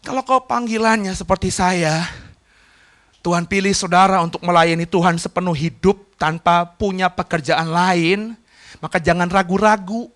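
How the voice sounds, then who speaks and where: A man preaching a sermon as pastor, emphatic, dropping to quiet asides and rising to loud acted crowd cries. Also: sits high, steady tone, moderate pace.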